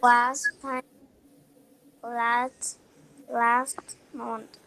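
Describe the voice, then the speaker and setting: Hesitant, flat-voiced woman student. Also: a little high, very noisy. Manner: hesitant, halting, restarts her answers.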